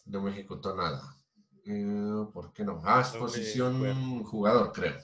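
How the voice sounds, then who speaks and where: A man's voice: on the low side, moderate pace, crowd noise. A man teaching a programming class, explaining patiently step by step with many fillers and restarts. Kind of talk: recorded online class. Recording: roomy echo.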